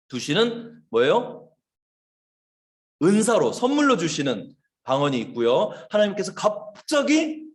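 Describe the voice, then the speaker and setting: A man, a missionary, giving a lively children's sermon, telling stories and asking the kids questions. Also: a little high. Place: church service, online.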